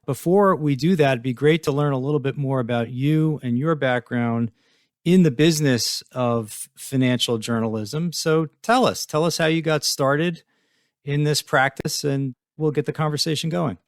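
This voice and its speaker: In clean studio sound with no echo, a man hosts an interview podcast, moving from a scripted introduction into conversational interviewing in a presenterly style. His voice is fairly high and his pace moderate.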